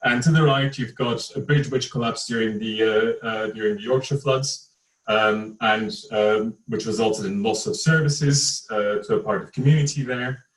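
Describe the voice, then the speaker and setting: A man's voice: fairly low pitch, moderate pace, roomy sound, distant mic, poor audio. A man from Turkey, an engineer, giving an online presentation on a video call, hesitant with many fillers and restarts. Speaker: engineer, panel speaker.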